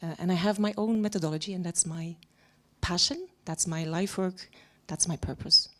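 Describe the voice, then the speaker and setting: A woman's voice: lowish voice, normal speed, pushed and bright. A woman introducing herself as a coach on a conference panel, earnest and passionate. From Belgium. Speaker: executive coach.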